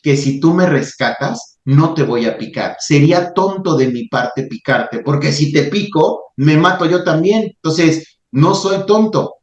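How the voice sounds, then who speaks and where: A man's voice: on the high side, animated, a little slow, hardly any pauses, recorded from a distance, voice pushed up. A man voicing a frightened, pleading male scorpion in a told fable. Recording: roomy, slightly muffled recording.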